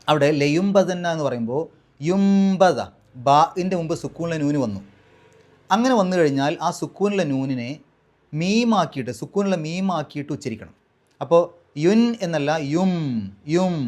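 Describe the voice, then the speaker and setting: A man teaching Quran recitation rules in a patient, step-by-step way, slowly drawing out the recited words as examples. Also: fairly high pitch.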